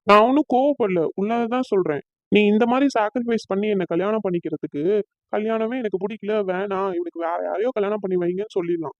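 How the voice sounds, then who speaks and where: A hurt young man in a cartoon, voiced by a performer, pouring out bitter complaints at a fast clip. The recording is dull and lo-fi, with a dry, close sound. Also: medium pitch, darkish tone, no echo, natural voice. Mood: resentful. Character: hurt, resentful young man about to marry.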